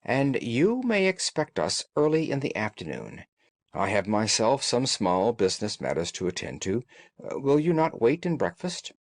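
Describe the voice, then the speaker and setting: A man voicing a shrewd gentleman detective in an audiobook, calm, analytical and authoritative, with formal, deliberate phrasing. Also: medium pitch, no echo. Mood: brisk.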